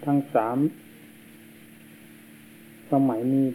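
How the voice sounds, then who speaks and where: A man, a monk, giving a slow and solemn sermon, heard on an old worn tape. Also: dark tone, slight background noise, low-quality recording. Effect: old worn tape recording.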